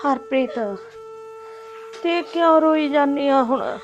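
An actress plays a grieving middle-aged mother, tender and weary, in an emotional village drama, speaking slowly in a high voice. Tearful and wailing a lament, she weeps and consoles her family, with soft background music and the highs cut off.

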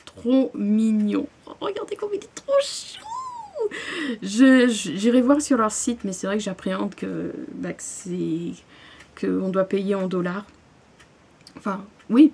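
A young woman opening a parcel in her bedroom, gushing with excitement and often restarting her sentences. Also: mid-range voice, unhurried, vocal fry, slightly rough. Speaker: vlogger. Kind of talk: unboxing vlog. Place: bedroom, at home. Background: paper crinkling.

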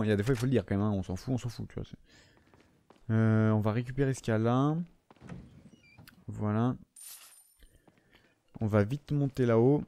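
A young man with a French accent gives a loose let's-play commentary, cracking jokes and cursing at the game. His pitch sits at an average height for a man, and faint game sounds run underneath his voice. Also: mellow, slight background noise. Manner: joking, swearing, talks to the viewers and the game. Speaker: gaming commentator.

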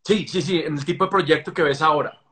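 Male host, 40s, fairly high, bright and forceful voice, eager interviewer on a phone live stream. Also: a little fast. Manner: eager, agreeable, with short affirmations. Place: indoor room at home. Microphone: phone camera on a video call.

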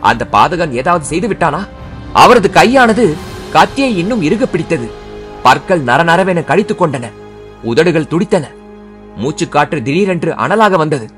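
A man narrating a historical novel as an audiobook, reading in an expressive, dramatic way. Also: on the high side, moderate pace, soft background music.

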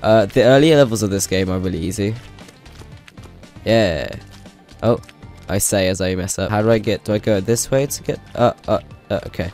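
A man's voice: lowish voice, normal speed, a little mellow. A man with a stuffy, congested voice from a cold, giving rambling, hesitant casual commentary as he plays a game on his channel. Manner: rambling, hesitant, laughing often. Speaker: gaming channel host. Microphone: desk microphone set to high sensitivity. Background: game music.

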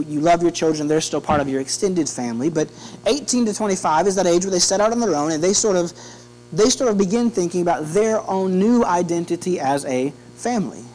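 A man in his thirties, with a slightly high voice, preaches a sermon from a pulpit in a church sanctuary. He sounds earnest and conversational, often restarting phrases. The low-quality recording carries a steady electrical hum.

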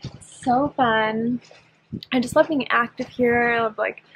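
Giggly young woman, slow and bubbly. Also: a little high, fairly even intonation, muffled recording, slight background noise. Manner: bubbly and giggly, many "like" fillers. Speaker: travel and fitness vlogger. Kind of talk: casual vlog to camera. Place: outdoors at a lake and in the mountains.

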